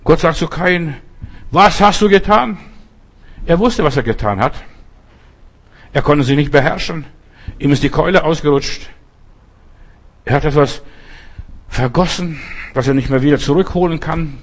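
Man, preacher, sermon, husky voice, slightly high pitch, emphatic. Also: moderate pace, long pauses. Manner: emphatic, rises sharply for quoted cries.

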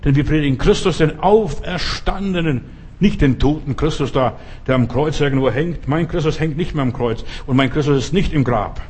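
A man's voice: a little high, moderate pace, a little mellow, slightly rough. A male pastor preaching a sermon in an emphatic way, often asking the listener directly.

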